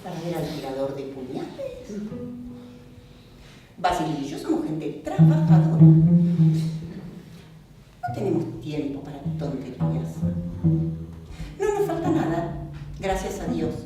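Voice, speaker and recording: Actriz que interpreta a una esposa recatada y teatral, con acento argentino. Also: female voice, measured pace, distant mic. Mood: firm. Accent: Argentine Spanish. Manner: expressive, mimics sounds and shifts pitch for emphasis. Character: Olga, a prim middle-aged wife devoted to her husband. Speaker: stage actress in a one-woman play. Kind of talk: theatrical monologue. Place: theatre stage. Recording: echoey theatre recording from afar with music.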